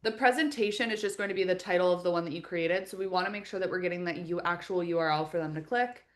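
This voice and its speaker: A woman leading a live webinar as a software trainer, explaining each step in a friendly, practical, instructional way. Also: fairly low pitch, fast talker. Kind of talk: live webinar screen-share tutorial.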